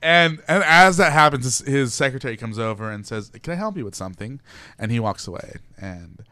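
A young man telling animated, excitable stories as a guest on a casual radio show. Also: medium pitch, a little fast. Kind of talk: casual radio interview storytelling.

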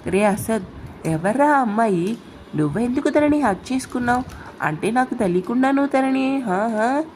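A woman's voice: on the high side, animated, moderate pace, darkish tone, a little hiss or hum, natural voice. A woman voicing a prying, playful young man who teases his friend. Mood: teasing. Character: nosy, teasing young male friend.

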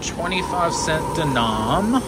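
A man's voice: fairly high pitch, big pitch swings, slow pace, noisy background. A man giving casual live gambling commentary, coaching in short bursts, counting along and urging the game on. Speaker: slot machine vlogger coaching a friend. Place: indoor casino floor at a slot machine. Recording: music playing in a busy casino. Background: loud casino machine music.

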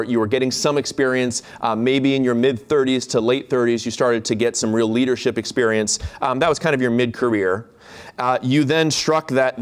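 A man giving a keynote lecture on a hall stage, chatty and jokey, with many fillers and restarts. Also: medium pitch. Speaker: keynote speaker, instructor.

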